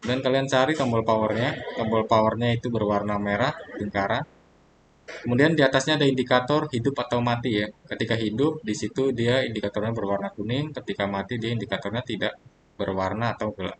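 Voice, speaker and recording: A man walking viewers through a networking software tutorial step by step, pausing on fillers as he clicks along. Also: medium pitch, noisy background. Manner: steady step-by-step instruction with frequent fillers. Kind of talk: screen-recorded software tutorial.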